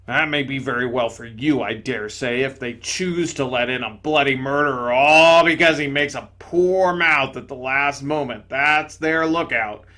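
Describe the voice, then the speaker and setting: For a storybook reading, a man voices a large ghost who talks loudly and self-righteously, blustering in coarse, ungrammatical working-class speech. His mid-range voice is unhurried yet runs on with hardly any pauses.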